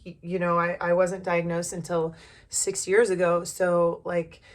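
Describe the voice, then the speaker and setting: A woman's voice: lowish voice, completely flat delivery, measured pace. A woman talking candidly to the camera in a casual personal vlog, rambling with many fillers and restarts. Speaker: vlogger.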